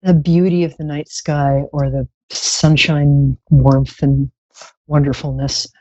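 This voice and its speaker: A woman with a low, husky, mellow voice hosts a psychic show casually. She is playful and a little theatrical with her endearments. The sound is dry and slightly dull, like a lo-fi stream. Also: little pitch movement, slow pace, no room sound. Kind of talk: casual chatty live show talk, guided relaxation.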